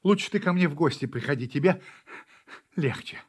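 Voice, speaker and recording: A man's voice: a little high, expressive, a little fast, husky. A man voicing a playful young male puppy in a storybook reading, bouncy and sure of himself. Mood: arguing. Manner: bouncy and know-it-all.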